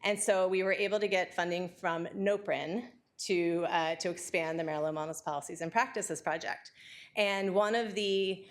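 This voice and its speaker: A woman giving an academic lecture, talking quickly and excitedly with frequent fillers and restarts. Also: on the low side.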